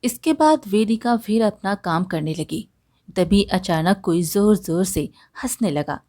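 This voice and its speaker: A woman narrating a moral folk tale in a steady, even storytelling manner. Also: mid-range voice, measured pace.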